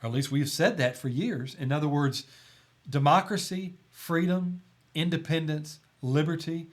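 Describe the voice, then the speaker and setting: A middle-aged man from Tennessee talks in an emphatic, earnest way. His voice sits fairly high, and he often stumbles and restarts as he makes his points in a podcast chat. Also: moderate pace. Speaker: podcast guest, volunteer chaplain. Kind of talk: conversational podcast talk.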